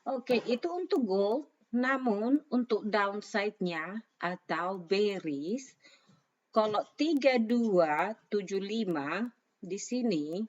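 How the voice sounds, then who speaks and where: A woman presents casual trading commentary in a hoarse, rasping voice at a middling pitch. She talks informally, dropping English phrases into her explanations. The recording sounds dull and lo-fi. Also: animated, slow. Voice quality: hoarse, raspy voice. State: hoarse from a sore throat and cough. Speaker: trader presenting market analysis. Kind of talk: casual spoken chart commentary.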